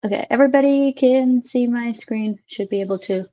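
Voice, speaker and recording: A woman's voice: on the high side, fairly quick, warm tone, lo-fi sound. Chatty woman teaching over a video call. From Finland. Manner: friendly, chatty, with frequent filler sounds. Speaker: instructor. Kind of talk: casual classroom introduction over video call. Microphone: computer mic on a video call.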